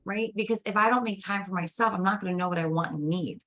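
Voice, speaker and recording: A woman's voice: medium pitch, quick pace, a bit bright. A woman guest coach speaking in casual interview chat, emphatic and persuasive, leaning on rhetorical questions.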